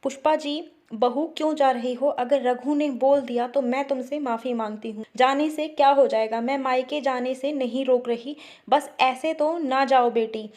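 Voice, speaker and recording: A woman reading the lines of a gentle, forgiving elderly mother-in-law, in a soft, coaxing way. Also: sits high, steady tone, moderate pace, close to an everyday voice. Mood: pleading.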